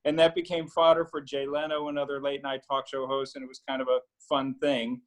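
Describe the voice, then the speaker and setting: A middle-aged man, an attorney, telling a story on a video call panel in a relaxed way with many fillers and restarts. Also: mid-range voice, a little fast, rough recording. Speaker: attorney and newspaper founder.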